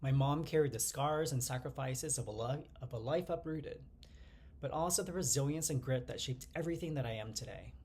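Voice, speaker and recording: Man in his 40s, gravelly tone, earnest reflective monologue, faint background hiss. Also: mid-range voice, darkish tone. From United States. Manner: earnest, measured delivery in short phrases, glancing at notes. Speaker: channel host. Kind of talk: reflective personal monologue to camera.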